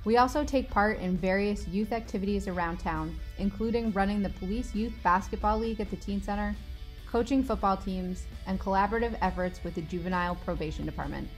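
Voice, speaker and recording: A woman reading a scripted narration about police community work in a steady, read-aloud manner. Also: mid-range voice, a little fast, soft background music.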